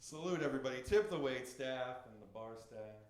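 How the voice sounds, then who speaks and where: A middle-aged man doing a stand-up comedy set, brash and profane with deadpan punchlines, on a club stage. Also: medium pitch, a little fast. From United States. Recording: roomy club with crowd laughter. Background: audience laughing.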